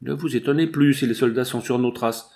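A volatile bandit chief hisses through grinding teeth, as a man reading a storybook puts him on. He mocks his captive with forced laughter and bursts into shouts. The pitch stays in a middle range for a man. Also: brisk, gravelly, lightly acted. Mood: accusing.

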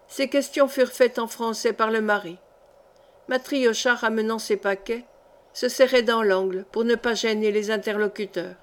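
A woman reading a classic short story aloud as narrator, giving the characters' dialogue small shifts of voice. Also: fairly high pitch. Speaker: reader.

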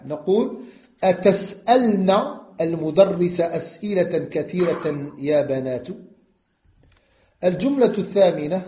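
A man teaching an Arabic grammar lesson, slow and deliberate, repeating words for his students and switching into French to explain. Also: sits high, a little mellow. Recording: echoey, dull lo-fi recording.

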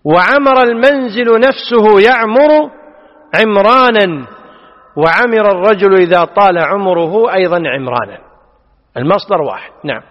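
Animated and high, this man's voice keeps a normal speed as he patiently explains a classical text to his students and poses questions to them. The audio is dull, with a long reverb like a hall.

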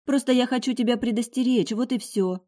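A woman's voice: fairly high pitch, brisk, mellow, voice pushed up, natural voice. A woman reading an audiobook voices a worried middle-aged mother who talks in an anxious, coaxing, protective way. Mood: tender, soothing. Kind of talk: audiobook character voice.

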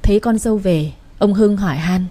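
Woman storyteller, soft dark timbre, keeps one steady voice for the whole cast. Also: mid-range voice, a little fast. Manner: reads every character in her own voice, with little change. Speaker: story narrator. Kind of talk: narrating a romance story.

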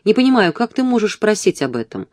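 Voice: mid-range voice, big pitch swings, fast, a little mellow, no echo, pitched above the performer's own voice, close to an everyday voice. A haughty, aloof lady, voiced by the reader, answers coldly in an audiobook. Dry, close sound. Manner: cold, aloof.

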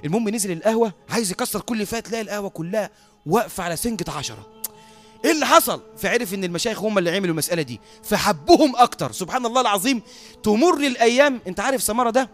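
An Egyptian man preaches by telling a story, racing through it in a high voice. He is a lively storyteller who often breaks into laughter at his own tale. Faint music sits behind him. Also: very fast. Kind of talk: storytelling sermon.

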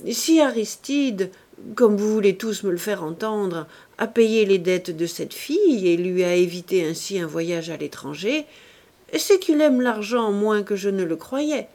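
A woman's voice: mid-range voice, expressive, measured pace, a little mellow. A woman reading aloud voices a restless young society woman, weary and petulant in manner. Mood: dismissive.

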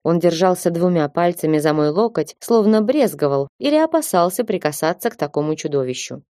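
A woman narrating a fantasy audiobook in the first person, with lively, ironic storytelling. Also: fairly low pitch, brisk, no echo, clean studio sound.

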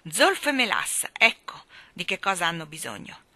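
A woman voicing a stern, domineering old spinster who scolds in a booming voice. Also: big pitch swings, moderate pace, bright, forceful tone, no echo. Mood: scolding.

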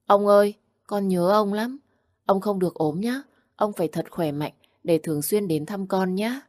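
A small, affectionate little boy speaks in a bright, high voice, as a woman puts him on. He sounds polite and eager, his pitch lifted well above an adult's. The recording is dry and close, with no room behind it. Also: moderate pace, no echo, natural voice. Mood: sweet, curious. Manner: chirpy and polite, tearful when upset.

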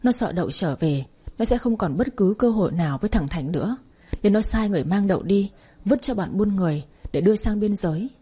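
A woman voicing a grieving father, low and husky. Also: lively intonation, fairly quick, mellow. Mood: grave. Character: grieving father telling hard news.

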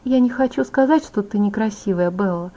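A woman voicing a proud, beautiful young vampire woman, vain and bitter, in a soft confiding tone. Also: medium pitch, fairly quick, close to an everyday voice. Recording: dull lo-fi audiobook audio.

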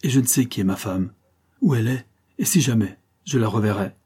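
A man's voice: on the low side, a little fast, darkish tone, slightly rough. A man voicing a rueful young officer confessing. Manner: confessional, earnest.

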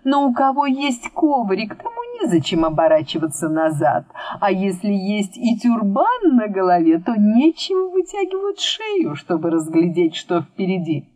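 A woman's voice: medium pitch, big pitch swings, measured pace, hardly any pauses, darkish tone, dry recording, pitched above the performer's own voice. A woman reading a wise, stay-at-home old male storyteller who pleads in flowery, ironic phrases. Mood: pleading. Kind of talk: audiobook reading.

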